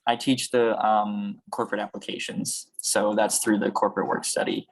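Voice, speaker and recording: A man with a Boston accent, a high school teacher, talking casually on a video call, unhurried and full of pauses. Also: flat delivery, poor audio. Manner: unhurried, with many pauses and fillers.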